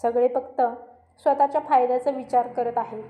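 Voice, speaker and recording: A woman's voice: high-pitched, fairly even intonation, moderate pace, mellow, lightly acted. A woman voicing a young woman who speaks firmly and resolutely. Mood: defiant. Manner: firm, resolute. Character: young woman, finally standing up for herself. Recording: roomy echo.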